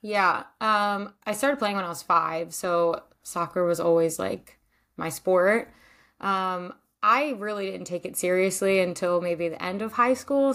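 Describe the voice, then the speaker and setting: Her voice is mid-range and a bit bright as the young Maryland woman, once a goalkeeper, talks through interview questions on a podcast. She's chatty, laughs a lot, and peppers her speech with likes and ums.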